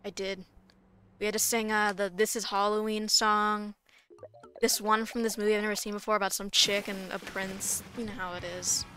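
A woman's voice: medium pitch, little pitch movement, normal speed, pushed and bright. A young woman streaming as a VTuber, chatting loosely with her viewers, eating and swearing freely while playing. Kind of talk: casual livestream chat while eating and gaming. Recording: streamer mic with game music behind. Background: game music.

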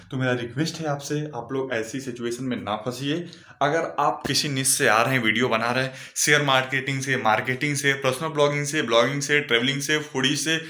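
Bright-voiced man giving earnest vlog advice. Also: mid-range voice, roomy sound. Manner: earnest, advising, addresses viewers as friends. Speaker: vlogger. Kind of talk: casual motivational vlog talk.

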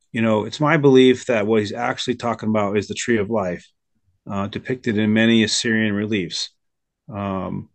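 A man's voice: on the low side, no echo. A man hosting a casual video-call discussion, talking hesitantly with lots of fillers. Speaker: host.

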